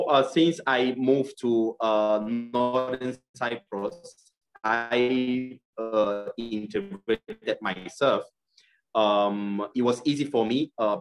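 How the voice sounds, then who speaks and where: Casting: young man from Cameroon, earnest and halting, video call guest. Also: medium pitch. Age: young adult. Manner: earnest, many fillers and restarts. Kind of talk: interview over video call.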